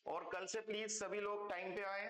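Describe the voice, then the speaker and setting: A man's voice: high-pitched, level tone, normal speed, sharp tone, roomy sound. A man teaching a math class online, explaining step by step and checking in with his students again and again, calling them kids. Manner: calls students "beta" and "bachcho".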